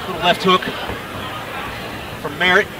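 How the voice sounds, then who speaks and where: A man's voice: high voice, flat delivery, measured pace, noisy background. A man giving live MMA commentary in a conversational, descriptive way. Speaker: play-by-play fight commentator. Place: live fight venue. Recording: distant mic, loud music and crowd. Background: music and crowd.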